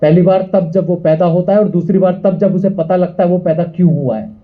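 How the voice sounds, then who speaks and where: A young man with a high voice works a seminar crowd, firing questions and making them echo his lines back. The sound is thin and tinny, like it came over a phone line. He keeps up a rousing, punchy delivery. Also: steady tone, a little fast. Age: young adult. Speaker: motivational speaker. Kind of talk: motivational seminar speech. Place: event hall with a live audience.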